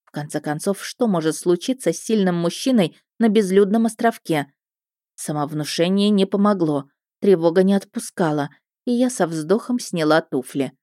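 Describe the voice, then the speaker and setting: A woman narrating a first-person story in a lively, expressive way. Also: fairly low pitch, moderate pace, no echo, clean studio sound. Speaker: audiobook narrator.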